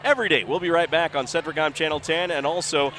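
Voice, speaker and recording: A man hosting a high school basketball postgame show, reading sponsor lines and recapping the game. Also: steady tone, brisk, pushed and bright, slight background noise, low-quality recording. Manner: upbeat, reads sponsor lines. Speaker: play-by-play broadcaster. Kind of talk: postgame sports broadcast.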